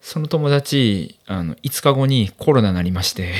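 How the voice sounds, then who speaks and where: A man with a Kansai accent telling a story in casual chat, acting out the people in a loud quarrel. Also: fairly low pitch, a little slow. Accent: Kansai Japanese. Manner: animated, acts out loud quarrels. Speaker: regular guest.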